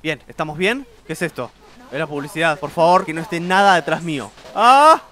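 A young gameplay streamer with a Rioplatense Spanish accent comments on a horror game, jumpy and nervous, yelping whenever something scares him. His voice is a little high and a bit bright, and he talks fast.

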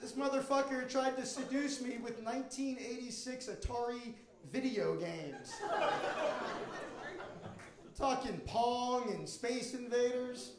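This middle-aged American comic from Miami, Florida speaks slowly in an extremely high pitch into a handheld mic. The recording, made in an echoey club in front of a live audience, is very noisy.

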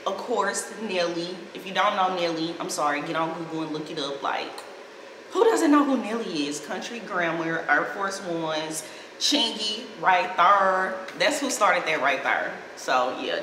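A woman in her thirties with a St. Louis accent, chatting casually and playfully to camera in expressive slang as a vlogger. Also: on the low side, a little slow. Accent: St. Louis American. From St. Louis, Missouri, USA. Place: small indoor living room, seated on sofa. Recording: echoey, reverberant room with clear noise.

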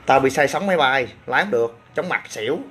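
A man's voice: mid-range voice, lively intonation, fast talker, fairly bright tone, soft background music. A man with a Southern Vietnamese accent, a gym owner chatting casually on a livestream and answering comments with boastful, crude banter.

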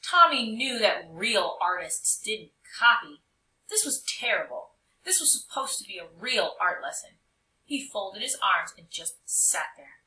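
A woman reading a children's picture book aloud in an expressive, animated way with emphatic phrasing. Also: medium pitch, measured pace. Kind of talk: expressive storybook read-aloud narration. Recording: roomy echo, distant mic.

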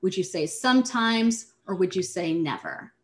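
A woman leading an online workshop, explaining ideas in a measured way and speaking directly to her audience. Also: lowish voice, lively intonation. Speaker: presenter. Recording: roomy echo.

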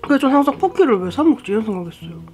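A young woman with a fairly high voice chats through a mouthful, her words muffled by chewing as she describes food. Music plays clearly behind her. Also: very animated, rapid-fire, darkish tone. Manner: chatty, describing food while eating. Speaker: food vlogger. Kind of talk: casual vlog chat.

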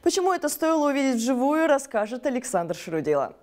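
A woman's voice: sits high, very animated, fast talker, darkish tone. A woman in her thirties presenting scripted sports news in a TV studio.

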